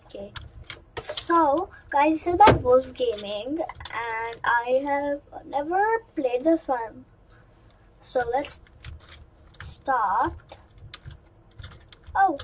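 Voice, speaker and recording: A high-pitched woman narrates her game run as she plays. She is chatty and excitable and keeps wandering into asides to her viewers. A soft patter of keyboard typing sits faintly behind her. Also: a little hiss or hum, poor audio. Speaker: gaming channel host. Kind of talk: let's-play commentary.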